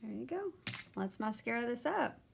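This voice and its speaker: A woman's voice: fairly high pitch, very animated, normal speed, vocal fry, a little hiss or hum. A young adult woman narrating a makeup tutorial, chatty as she talks through each step of her look. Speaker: beauty vlogger.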